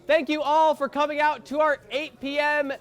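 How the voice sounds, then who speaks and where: Man, event announcer, public-address loudspeaker, far off, formal crowd announcement. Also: very high-pitched, flat delivery, moderate pace. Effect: over a public-address loudspeaker. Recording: distant loudspeaker in a busy hall.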